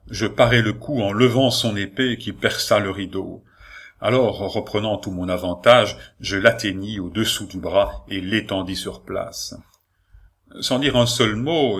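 A man narrating a classic story as an audiobook, in a measured, dramatic manner. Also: fairly low pitch, a bit bright.

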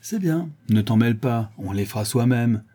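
A man voicing an angry, rabble-rousing village wheelwright in an audiobook, loud and goading. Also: medium pitch, expressive, moderate pace, close to an everyday voice. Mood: defiant. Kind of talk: audiobook character reading.

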